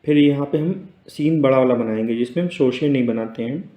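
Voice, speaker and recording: Patient man teaching letters, mellow. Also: mid-range voice. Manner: patient, repeats words slowly and checks in with "theek hai". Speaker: Urdu teacher. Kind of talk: casual spoken lesson, explaining letters on a board. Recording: roomy echo.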